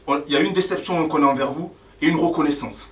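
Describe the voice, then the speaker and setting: A young man from Angola doing a stand-up comedy set on a club stage, loudly hyping the crowd between jokes. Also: fairly high pitch, fast, distant mic, low-quality recording. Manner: animated, hyping the crowd with loud calls. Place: comedy club stage before a live audience.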